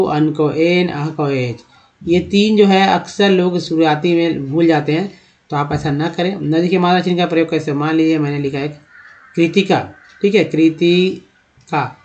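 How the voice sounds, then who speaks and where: Male teacher with a fairly high voice, patient step-by-step explainer, muffled lo-fi audio. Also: steady tone, moderate pace, a little mellow. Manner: repeats questions and answers them himself, addresses viewers as friends. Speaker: English teacher. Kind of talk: explanatory lesson. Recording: dull lo-fi sound.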